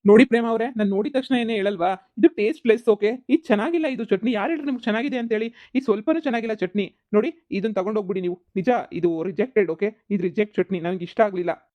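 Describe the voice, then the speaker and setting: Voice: medium pitch, fast talker, a little mellow, close to an everyday voice. A voice actor playing a strict young male businessman who lectures and rejects a seller's product. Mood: stern. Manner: stern, lecturing, ends lines with "okay?". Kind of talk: cartoon voice acting.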